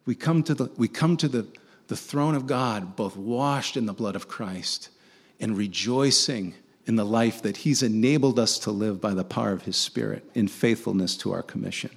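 A man's voice: on the low side, normal speed, gravelly, slightly rough. A man preaching a conversational sermon, earnestly asking his listeners rhetorical questions and often restarting his sentences.

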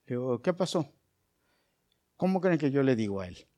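A middle-aged male pastor, preaching a sermon that swings from soft, chatty asides to loud, rising bursts. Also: mid-range voice, sing-song, moderate pace.

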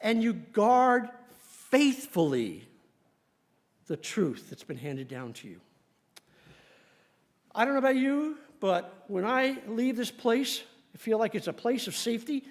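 A male pastor preaching a sermon in an animated, emphatic way, laughing often as he talks. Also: very high-pitched, slow pace, long pauses.

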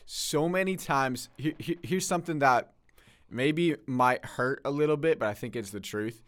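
A man co-hosting a faith podcast in casual chat, easygoing and quick to laugh, thinking aloud as he speaks. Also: medium pitch. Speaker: podcast co-host.

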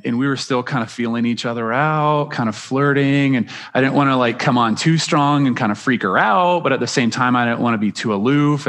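A man's voice: mid-range voice, fairly bright tone. A man preaching a sermon as pastor, earnest and emphatic, often restarting his phrases. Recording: long reverb of a large hall.

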